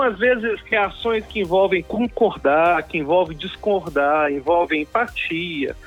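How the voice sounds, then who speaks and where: A man's voice: high-pitched, a bit bright, muffled recording. A man with a Brazilian Portuguese accent talking casually over the telephone as an interview guest, explaining his views informally. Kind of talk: casual phone conversation.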